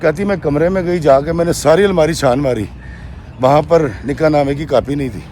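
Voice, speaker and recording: Fairly high in pitch and darkish in tone, this man's voice comes with slight background noise. He shares a true story with his viewers by retelling a woman's words, often saying "she says," and occasionally calls his listeners friends directly.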